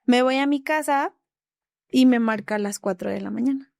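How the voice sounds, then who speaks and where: A woman's voice: on the high side, normal speed, vocal fry, a little mellow, dry recording. A young Mexican woman retelling a hard episode, acting out the dialogue and laughing between lines. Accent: Mexican Spanish. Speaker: interview guest. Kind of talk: candid storytelling.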